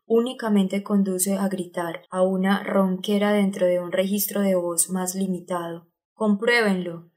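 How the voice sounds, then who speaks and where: This is an exacting older male acting teacher, read by a woman narrating an audiobook. He speaks at a middling pitch and lays out each lesson step by step. His manner stays didactic and instructive throughout. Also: natural voice. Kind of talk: audiobook reading of a character.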